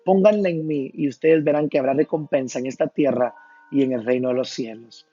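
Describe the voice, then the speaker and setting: A man's voice: mid-range voice, a little fast, mellow, slightly rough. A man preaching an earnest devotional reflection, retelling Bible passages with quoted lines. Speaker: pastor. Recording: dull lo-fi sound with faint music.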